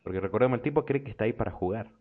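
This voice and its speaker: A man hosting a show, retelling anime episodes in an animated, profane, casual way. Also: lowish voice, rapid-fire. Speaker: radio show host. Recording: tinny phone-like line.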